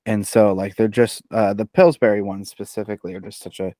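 A man's voice: fairly low pitch, fairly even intonation, a little fast, warm tone, dry recording, studio quality. A man co-hosting a podcast, chatting casually in a rambling way, full of fillers. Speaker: podcast co-host. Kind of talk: casual chat.

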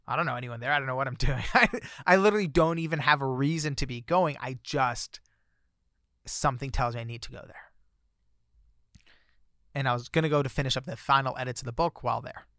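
Speaking briskly in a mid-range voice, this man shares a personal story as a guest author. He's chatty and uses lots of fillers, livening up whenever he recounts a surprise. The studio-quality recording has no room sound.

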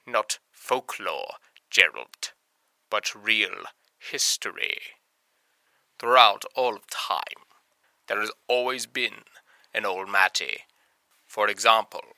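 A man's voice: fairly low pitch, sharp tone, dry recording, full character voice. A man voicing a pompous, fussy male professor character who talks in grand, archaic phrases. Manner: pompous, theatrical, archaic words. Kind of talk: comedic podcast intro in character.

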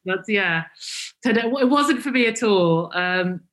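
With a medium pitch, lively intonation and fairly bright tone, a woman delivers her words at a measured pace. She's a 40-something guest from Cambridgeshire who founded a vegan brand, and her reflective interview answers are hesitant and self-deprecating, with plenty of ums and restarts.

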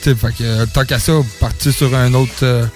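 A man's voice: medium pitch, flat delivery, fairly quick, faint music behind. A young man with a Quebec French accent in a casual chat, hesitant and skeptical, with many fillers.

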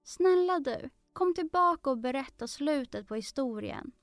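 A woman's voice: high-pitched, animated, a little mellow, dry recording, clean studio sound, faint music behind, voice pushed up. A woman voicing Alice, a curious, polite young girl who talks earnestly and eagerly in a storybook. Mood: pleading.

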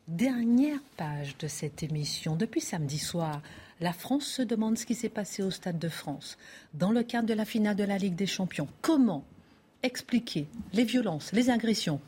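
A woman hosting a TV debate show, brisk and moving things along. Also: mid-range voice, dark tone, breathy edge. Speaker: host.

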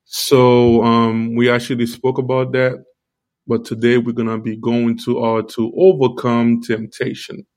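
A man giving an informal, halting devotional talk with a toothache, repeating phrases, his speech slightly altered by a sore mouth. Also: medium pitch, completely flat delivery, darkish tone. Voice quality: speech slightly altered by tongue-led articulation. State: toothache, talking around a sore tooth and gum. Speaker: live-stream preacher.

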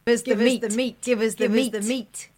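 A woman's recorded shouted chant, played back through a speaker with a doubled canyon-like echo. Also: on the high side, fairly even intonation, racing.

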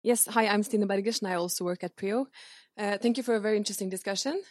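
Brief: female audience questioner, polite and curious, mid pitch, dry. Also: fairly even intonation, fast, a little mellow, no room sound. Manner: polite, curious, a little hesitant. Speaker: audience member asking a question.

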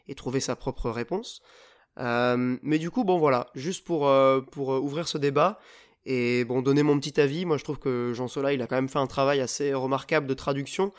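A man hosting a casual podcast chat, talking hesitantly with many filler sounds and restarts. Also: mid-range voice. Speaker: podcast host.

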